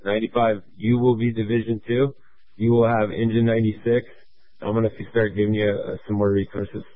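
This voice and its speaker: A man playing a fire incident commander speaks at a fairly low pitch with a level tone, his clipped, procedural orders halting and full of fillers. The fire dispatch talk is a two-way radio transmission, tinny and dry with no echo.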